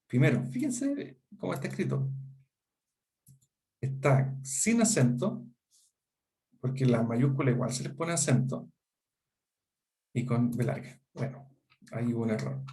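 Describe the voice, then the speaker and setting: A middle-aged man with a Chilean Spanish accent lectures a law seminar in a warm, medium-pitched voice, very animated yet a little slow, with long pauses. He explains carefully and keeps tossing rhetorical check-ins to see if students are following.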